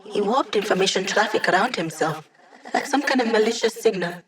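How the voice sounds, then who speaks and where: A woman with a natural, mid-range voice speaks a little fast with lively intonation. She's acting as a cheerful, wry hacker assisting a squad's mission in a video game, playful and teasing in a relaxed manner.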